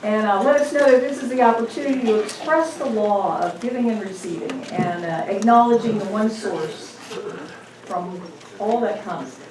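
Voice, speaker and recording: A woman's voice: medium pitch, normal speed, crowd noise. A woman minister leading a church service, speaking informally with many fillers and restarts. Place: church sanctuary. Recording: echoey room, distant mic.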